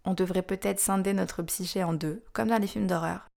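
A woman's voice: mid-range voice, steady tone, normal speed, vocal fry, a little mellow. A woman in her thirties hosting a podcast, reading scripted narration in a frank, wry, confiding way. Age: 30s. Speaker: podcast host.

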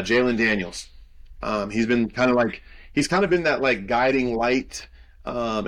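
Low-voiced young man talking football. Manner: loose and confident, many "um" fillers. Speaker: podcast co-host and college football analyst. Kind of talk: casual sports chat.

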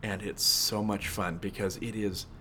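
A man's voice: on the low side, flat delivery, a little slow, pushed and bright. Eager man with faint noise behind. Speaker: podcast co-host. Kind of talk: casual chat.

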